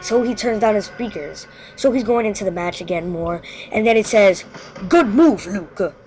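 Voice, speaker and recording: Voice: mid-range voice, fairly quick, a little mellow, a little hiss or hum. A show host casually telling a creepy story live, rambling and often stopping mid-sentence to correct themselves. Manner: rambling, frequently corrects itself.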